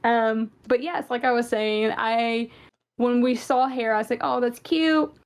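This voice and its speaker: A young Southern US woman co-hosts a casual fan podcast, rambling chattily and using lots of fillers. Her voice is a little high, with fairly even intonation and an unhurried pace.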